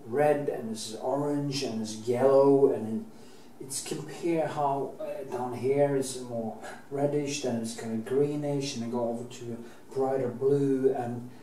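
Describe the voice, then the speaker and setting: Recorded from a distance on a camera mic in an indoor painting studio, the audio is roomy with faint hiss. A middle-aged man from Norway, a painting teacher with a Norwegian accent, gives a demonstration in a dark-toned, medium-pitched voice, fairly even in intonation, a little slow, with few pauses. He rambles, restarts sentences, and casually swears at times.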